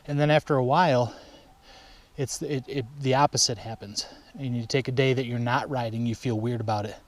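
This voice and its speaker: A man's voice: mid-range voice, fairly even intonation, a little fast. A man talking casually while mountain biking, out of breath and rambling, recorded outdoors on an action camera. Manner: chatty, rambling, self-correcting. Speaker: mountain biker vlogger. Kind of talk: casual vlog narration while riding. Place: mountain bike trail outdoors. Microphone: action camera on the rider.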